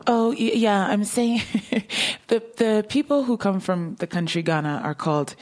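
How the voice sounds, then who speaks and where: Speaking at a medium pitch and a measured pace, the novelist talks informally about her work during a book event. She takes questions from the audience and laughs frequently.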